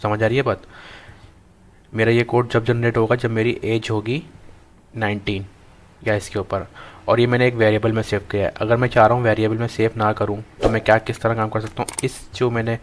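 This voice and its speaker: A young man teaching a coding class, thinking aloud as he types, with frequent pauses and restarts. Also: fairly low pitch, level tone, a little hiss or hum. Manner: thinks aloud while typing, halting with many restarts. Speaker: programming tutor. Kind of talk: screen-recorded coding lesson.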